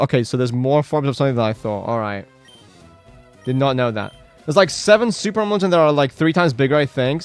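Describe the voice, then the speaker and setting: Rambling man streamer chatting over game music. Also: fairly high pitch. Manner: rambling, filler-heavy, reads chat aloud and reacts. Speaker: gaming live streamer. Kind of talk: casual live-stream chat while playing.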